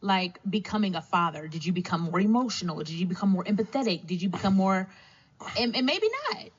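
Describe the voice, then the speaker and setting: A woman's voice: on the low side, fairly quick. A woman hosting a podcast, asking attentive, probing questions in interview chat. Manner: probing, attentive, with steady "mm-hmm"s. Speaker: podcast host. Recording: dull lo-fi sound.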